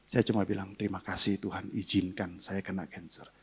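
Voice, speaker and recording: A man's voice: deep voice, little pitch movement, a little fast, fairly bright tone, slightly rough. An older male pastor preaching a sermon, sharing an emotional personal testimony and leading a congregation in prayer.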